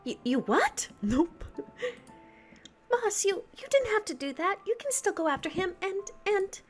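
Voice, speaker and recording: A woman's voice: very high voice, very animated, unhurried, soft background music, pitched above the performer's own voice, full character voice. A woman voicing an emotional, lovesick young woman who wavers between tears and self-mockery. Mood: flustered.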